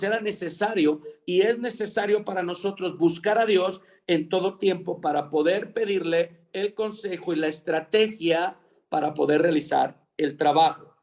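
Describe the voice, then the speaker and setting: A man teaching a Bible leadership lesson over a video call, dictating words for students to fill in and repeating them. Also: sits high.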